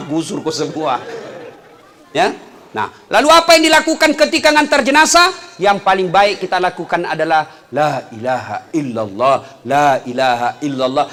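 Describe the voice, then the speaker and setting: A middle-aged man, preaching a humorous sermon to a congregation, telling stories and swinging between loud calls and low asides.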